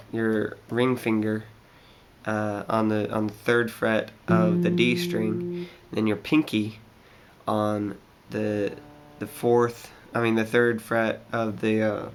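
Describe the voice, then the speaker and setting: A young man teaching guitar, slightly scratchy-voiced from a cold, stumbles through explaining a part in a casual tutorial, restarting often and saying um a lot. He takes it slowly in a lowish monotone. Guitar playing runs through the entire clip.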